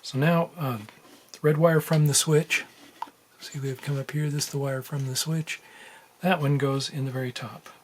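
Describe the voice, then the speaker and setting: With a fairly high voice, steady tone and normal speed, a tutorial host thinks aloud casually while working at a bench indoors. Room background noise is noticeable.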